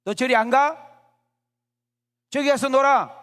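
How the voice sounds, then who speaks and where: A man voicing a bitter young man of twenty-nine who has just lost his sight, speaking in irritable, shouting outbursts within a sermon story. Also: a little high, lively intonation, slow, gravelly, full character voice. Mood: furious.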